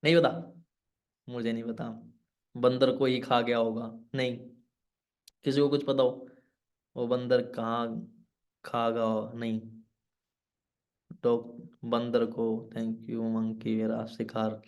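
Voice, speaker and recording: Energetic man quizzing his audience. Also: mid-range voice, slow, pauses often. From Pakistan. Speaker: mentor. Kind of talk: motivational storytelling session. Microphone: online session.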